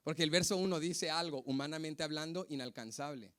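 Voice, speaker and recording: A young adult man preaching a sermon as a pastor, telling personal stories and building to impassioned, near-shouted peaks. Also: fairly high pitch, a little fast. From United States. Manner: storytelling, mimics people in anecdotes.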